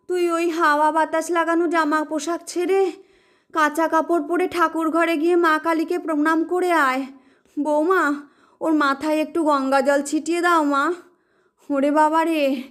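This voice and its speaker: A woman's voice: high-pitched, voice pushed up. A woman voicing an older, superstitious mother who cries out in alarm and pleads in fear.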